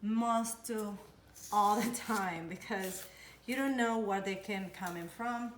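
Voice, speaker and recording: A woman's voice: medium pitch, slow, a little hiss or hum. A woman from Ecuador, a nutritionist giving a chatty cooking demonstration in her home kitchen and searching for words as she goes. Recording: echoey kitchen with dish clatter.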